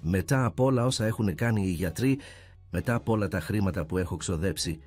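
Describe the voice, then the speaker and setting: Casting: stern rich father, scornful and shouting, deep husky tone, audiobook story, voiced by a male narrator. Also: soft background music. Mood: furious. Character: wealthy angry father, stern and domineering.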